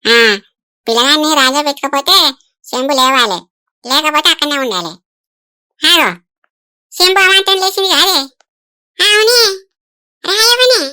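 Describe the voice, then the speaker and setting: A bossy squeaky village diviner. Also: female voice, normal speed, pauses often, sharp tone, dry recording, clean studio sound. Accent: Telangana Telugu. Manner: bossy, boastful. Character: village woman diviner, bossy and self-important.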